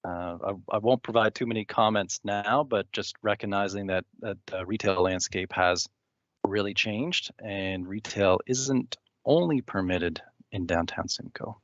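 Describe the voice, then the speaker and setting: A man on municipal planning staff answering council questions in a measured, hedging way, with many fillers. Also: fairly low pitch, fairly bright tone, no room sound. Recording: dull dry online audio.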